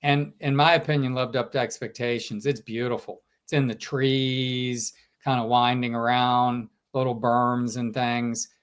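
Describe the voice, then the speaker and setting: A man co-hosting a sports podcast, telling stories from a road trip in a casual, animated way. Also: mid-range voice, measured pace, clean tone. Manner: storytelling, quotes fans in lively asides. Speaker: podcast co-host, sports reporter.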